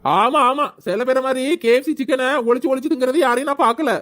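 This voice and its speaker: A woman with a Tirunelveli accent voicing a quick-witted, sarcastic middle-aged village woman in a cartoon. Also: sits high, a bit bright. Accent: Tirunelveli Tamil. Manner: snappy, sarcastic.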